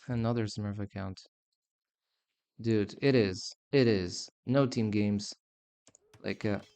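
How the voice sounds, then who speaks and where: Male streamer, low-pitched, sarcastic running game commentary. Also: vocal fry, darkish tone. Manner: sarcastic, complaining. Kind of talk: live gameplay commentary.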